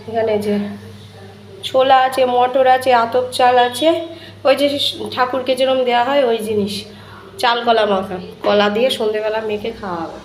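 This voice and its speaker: Young woman vlogging at home on her phone, high voice, bit of faint noise behind, chatty and easygoing. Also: echoey room, poor audio. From West Bengal, India. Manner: chatty, switches to high sing-song baby talk with her toddler. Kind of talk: casual home vlog narration. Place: home, indoors.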